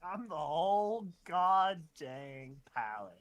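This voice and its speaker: Slow, swooping goofy young woman. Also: fairly low pitch, very animated, muffled recording. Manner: goofy, drawling, breaks into laughter. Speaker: co-host. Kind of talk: casual chat.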